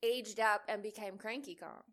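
A woman co-hosting a gaming podcast, telling a story in an animated way and laughing often. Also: mid-range voice, moderate pace. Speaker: podcast co-host. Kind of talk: casual chat.

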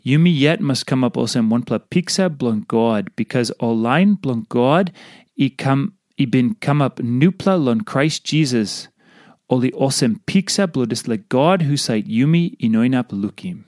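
A man speaks in a devotional style, reading scripture and expounding on it. His voice sits at an average male pitch. The sound is dry, with little room around it. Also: animated, a little slow, a little mellow, no room sound.

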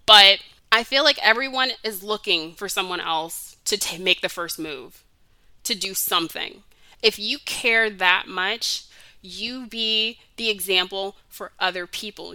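A woman's voice: mid-range voice, bright, forceful tone, clean tone, no echo. A young adult woman hosting a solo podcast, talking in an earnest, heartfelt way with lots of "like" fillers, her voice close to cracking with emotion. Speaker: podcast host.

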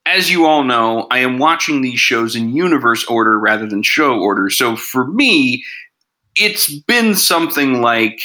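A man's voice: mid-range voice, animated, a little slow, bright, forceful tone, poor audio. A man hosting a casual podcast reviewing TV episodes, chatty and sarcastic, with lots of asides. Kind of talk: casual chat.

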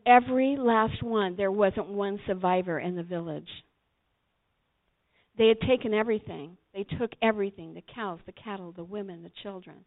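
A woman preaching a sermon, retelling a Bible story in an animated way, acting out quotes and talking directly to her listeners. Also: medium pitch. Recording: tinny phone-like audio.

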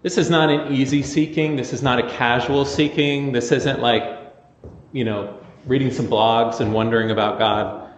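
A man preaching a sermon as pastor, conversational and animated in his storytelling. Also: mid-range voice, moderate pace, reverberant, big-room sound, slight background noise.

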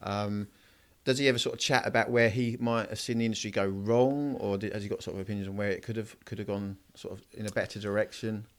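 A man's voice: lowish voice, steady tone, quick pace, hardly any pauses. A man from East Anglia interviewing tradesmen in a casual chat, asking long rambling questions. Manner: chatty, asks rambling questions. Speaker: host.

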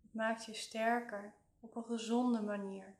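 Woman, meditation guide, soothing, fairly high-pitched, long pauses, echoey room. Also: level tone, a little mellow. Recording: roomy, echoing voice recording.

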